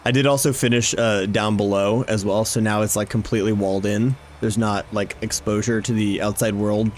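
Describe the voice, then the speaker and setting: A video game vlogger hosts with casual, enthusiastic, informal commentary over the game's background music. His voice is on the low side with fairly even intonation and a brisk pace, plus slight background noise.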